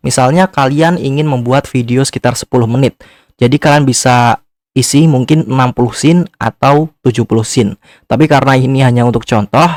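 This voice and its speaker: A man's voice: mid-range voice, a little mellow, no echo, clean studio sound. A man narrating a casual step-by-step screen tutorial, speaking informally and directly to viewers. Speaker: tutorial host.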